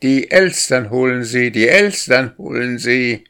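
A cheeky little boy calls out teasing taunts, loud and raised in pitch. A man reads him in a storybook. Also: a little slow, clean tone, lightly acted. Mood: teasing shouts. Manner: shouting, teasing. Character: cheeky small boy calling out from flight.

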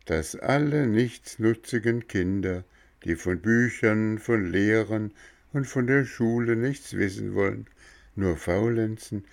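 A man voicing a kindly little marmot who gently explains a hard truth. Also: on the low side. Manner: gentle and patient, lecturing softly. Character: kindly small marmot neighbor, gentle and wise.

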